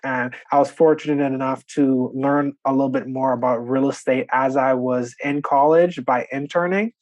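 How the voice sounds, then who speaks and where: A young man from the Bahamas, talking as a podcast guest in a mid-pitched voice. He tells his story easily and casually, filling his lines with "you know" and "like". The sound is dry and close, with no room around it. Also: fairly even intonation, moderate pace, darkish tone, no echo. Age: 20s. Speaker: podcast guest, real estate investor. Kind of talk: conversational interview.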